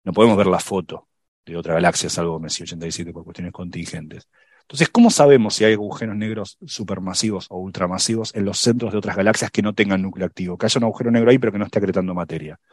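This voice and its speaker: Low-voiced man explaining science, dry sound. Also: fast talker, dry recording. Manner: thinks aloud with many fillers and restarts. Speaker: science podcast panelist. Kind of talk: casual explanatory chat.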